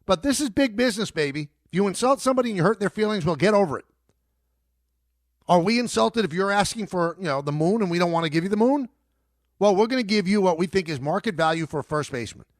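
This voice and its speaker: A man's voice: high-pitched, no room sound, clean studio sound. A middle-aged man hosting a sports talk radio show, emphatic and argumentative, repeating his points.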